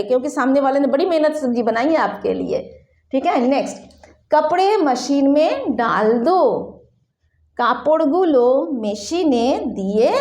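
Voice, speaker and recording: A woman's voice: high-pitched, roomy sound. A woman language teacher giving a patient bilingual phrase lesson, repeating each phrase.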